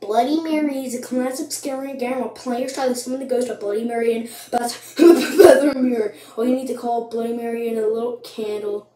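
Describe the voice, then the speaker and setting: Young woman vlogger, high-ish voice, chatty and filler-heavy, recorded in an echoey bathroom. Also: fairly even intonation, fairly quick, few pauses, dark tone. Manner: chatty, filler-heavy, mock-scared asides. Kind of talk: casual vlog chat. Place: bathroom at home. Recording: echoey room.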